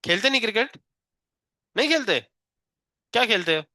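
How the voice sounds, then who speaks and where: A man's voice: high voice, sing-song, moderate pace, pushed and bright, no echo, clean studio sound. A male physics teacher in a live class, teasing and coaxing a shy student to answer, counting aloud to three.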